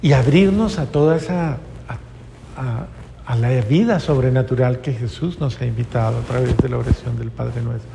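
Male priest, earnest and emotional sermon, gravelly tone, heard with a long echo. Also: medium pitch, normal speed, mellow. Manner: earnest, emotional, repeats phrases for emphasis. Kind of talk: sermon with a personal story. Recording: long reverb, faint background noise.

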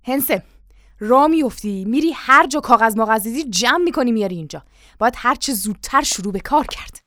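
A woman's voice: on the high side, expressive, pushed and bright, dry recording, studio quality. A woman reading an audiobook, voicing a boastful, scheming country father who talks in an eager, coaxing salesman manner. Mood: excited scheming.

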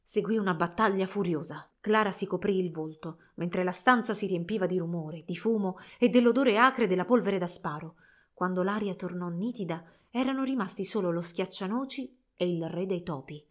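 A woman narrating a fairy tale for children in a slow, measured storytelling voice. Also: lowish voice.

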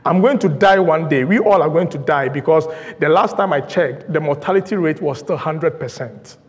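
A man's voice: fairly high pitch, moderate pace, in a large hall. A male pastor preaching a sermon in a church, emphatic and rhythmic, driving points home through repetition. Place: church sanctuary.

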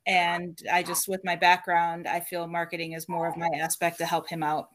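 Chatty woman telling ghost stories, lower voice. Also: completely flat delivery, normal speed, fairly bright tone, slight background noise. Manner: chatty, laughs often between sentences. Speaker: paranormal researcher guest. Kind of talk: casual storytelling interview.

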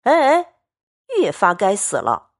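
A woman voicing a playful, doting young nobleman in a storytelling reading, teasing and quick to plead. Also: mid-range voice, sing-song. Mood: flustered.

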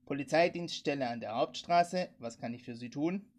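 A woman's voice: sits low, moderate pace, a little mellow. A woman reading a laid-back male police officer. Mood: calm. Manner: teasing then matter-of-fact.

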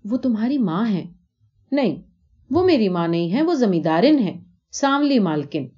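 A woman voicing a small girl who wonders and misses her mother, in a high questioning child voice, on a dull lo-fi recording. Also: very animated, husky. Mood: puzzled.

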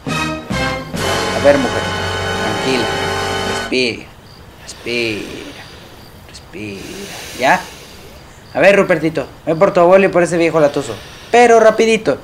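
Hombre haciendo esqueleto padre mexicano quejumbroso. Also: male voice, high-pitched, animated, fairly quick, faint music behind. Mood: soothing. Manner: exasperated, soothing, groaning. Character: fussy skeleton family father, ghost.

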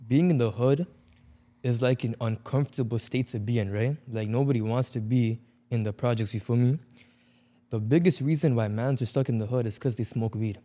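A man's voice: mid-range voice, a little fast, mellow. A young man with an urban Toronto accent chatting casually in heavy slang, repeating himself for emphasis. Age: young adult. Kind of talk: casual chat.

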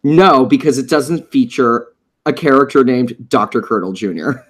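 A man's voice: mid-range voice, moderate pace, a bit bright. Playful man recapping a show. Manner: playful, jokey, puts on silly voices. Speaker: podcast co-host. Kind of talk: casual recap chat.

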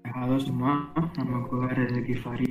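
A man's voice: medium pitch, completely flat delivery, moderate pace, over music. A young man introducing himself as a podcast guest over an online call, his audio choppy and glitching as it keeps cutting out. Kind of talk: casual chat. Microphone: remote online call. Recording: echoey call audio from far off the mic.

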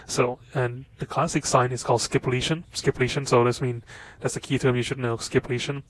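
A man with a nasal, stuffy voice from a cold, teaching a recorded lecture in a halting way with many fillers. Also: mid-range voice, little pitch movement. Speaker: instructor.

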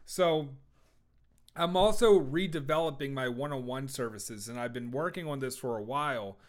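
A man's voice: medium pitch, moderate pace. A young adult man hosting a casual solo podcast, talking in a rambling, jokey way with lots of swearing, fillers and restarts. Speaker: podcast host.

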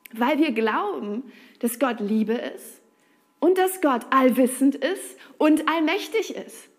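Eine Frau, die ernst, direkt und im Gesprächston predigt. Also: female voice, high-pitched. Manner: earnest, direct, conversational. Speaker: preacher. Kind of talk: sermon.

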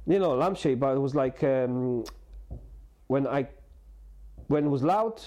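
Guest in his 40s, mellow voice, halting and candid, lots of restarts. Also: mid-range voice. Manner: halting, full of restarts and fillers; earnest and open. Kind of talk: candid personal conversation.

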